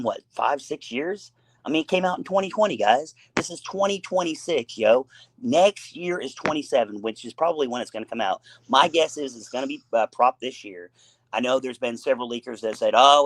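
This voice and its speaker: This mid-range male voice moves at a normal pace with a slightly bright edge, over a faint hiss or hum. He's an adult with a son who hosts a laid-back gaming talk show, rambling on emphatically with plenty of fillers and false starts.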